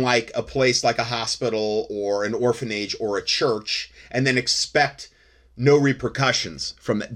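A man's voice: mid-range voice, fairly bright tone. Paranoid, conspiratorial American man ranting. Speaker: host of an alert talk show. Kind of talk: reading news reports with off-the-cuff ranting commentary.

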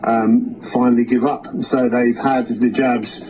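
A man, a funeral director, giving a spoken video update in a hesitant way with many ums, heard through low-quality streamed video audio. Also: flat delivery, unhurried, a little mellow, slight background noise. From United Kingdom.

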